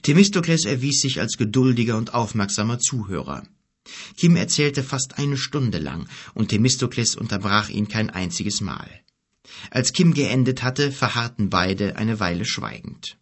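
A man narrating a fantasy tale with a lowish, husky voice and a gravelly edge. His delivery is measured, yet it rises and falls with plenty of melody. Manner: measured, expressive storytelling. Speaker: audiobook narrator.

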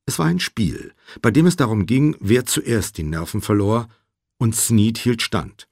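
Ein Mann liest ein Hörbuch mit eher tiefer Stimme und lebhaft bewegter Betonung. Er erzählt gemessen und ausdrucksvoll. Die Aufnahme ist trocken und nah, ganz ohne Raumhall. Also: male voice, on the low side, expressive, unhurried, gravelly, a little mellow, no room sound, clean studio sound. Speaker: audiobook narrator. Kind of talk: scripted audiobook narration.

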